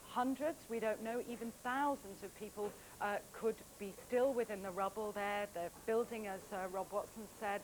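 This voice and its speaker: A woman's voice: medium pitch, rough recording. A British woman giving an unscripted live news report from outdoors in a city street. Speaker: news correspondent. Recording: faint street noise, VHS broadcast.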